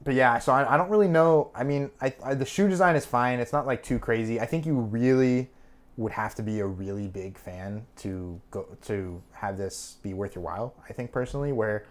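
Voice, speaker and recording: A man's voice: mid-range voice, normal speed. A young man co-hosting a podcast, chatting casually and rambling with fillers and restarts. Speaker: podcast co-host. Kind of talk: casual chat.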